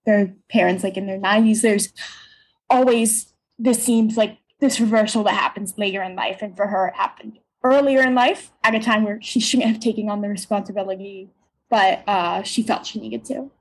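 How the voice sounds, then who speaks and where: At normal speed, a young voice and stage actor from Pennsylvania answers interview questions casually and reflectively, hesitating often. Her medium-pitched, husky voice has fairly even intonation and a childlike, youthful quality, heard through a low-quality recording.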